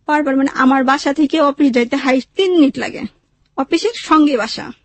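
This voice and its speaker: Her voice sits high and moves a little fast, with no room sound. This Bangladeshi-accented woman is an interview guest recounting her life in everyday language, slipping in quoted dialogue along the way.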